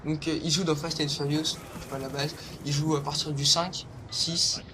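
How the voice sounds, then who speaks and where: A man's voice: on the high side, flat delivery, normal speed, noisy background. A young man hosting a casual countdown vlog, hesitant, with lots of fillers and rambling asides. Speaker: vlogger. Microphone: low-quality home recording.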